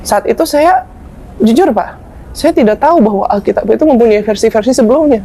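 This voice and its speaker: A young woman tells her own story as an interview guest, fast and in colloquial speech. Her voice sits slightly high, with a gravelly edge and a mellow tone. Faint noise hums underneath. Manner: animated, colloquial, acts out past dialogue.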